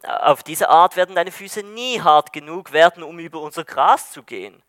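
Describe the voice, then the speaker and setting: A man reading the lines of a kindly man from heaven who answers calmly and gently reproves. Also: on the high side, moderate pace, no room sound, studio quality. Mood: gentle.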